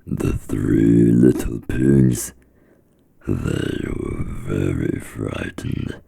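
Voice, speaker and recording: A man with a very deep, gravelly voice narrating a fairy tale slowly, in a firm, deliberate manner. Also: warm tone. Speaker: storyteller.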